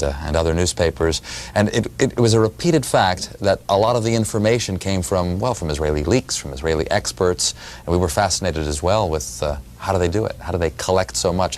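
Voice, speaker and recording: Deep-voiced New journalist. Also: male voice. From New York City. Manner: thoughtful, with fillers. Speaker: journalist guest. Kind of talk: interview answers. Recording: faint background noise.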